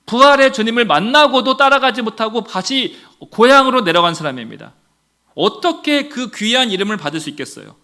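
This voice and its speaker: A male pastor preaching an earnest sermon in a high, bright voice. His pitch swings widely as he addresses the congregation and poses rhetorical questions. The delivery is emphatic and carries the cadence of a pulpit.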